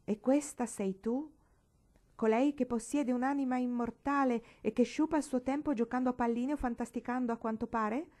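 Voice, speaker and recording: A woman's voice: on the high side, normal speed, darkish tone, voice pushed up, natural voice. A woman reading aloud, voicing a proud, pious young girl who scolds sharply and sulks. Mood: scolding.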